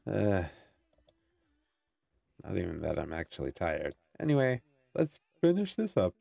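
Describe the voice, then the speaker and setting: Low sleepy-sounding guy w sore throat reading a game story, slurry, dry mic. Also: very animated, unhurried, vocal fry, mellow, dry recording. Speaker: gaming streamer.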